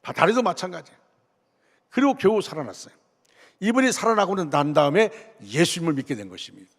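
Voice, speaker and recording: Middle-aged male pastor, sermon storyteller, voices the dialogue and pushes hard on key points; a bit high-pitched, reverberant church. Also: big pitch swings, quick pace. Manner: storytelling, acting out quoted dialogue, rising to forceful emphasis. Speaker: senior pastor. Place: church sanctuary. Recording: long church hall reverb.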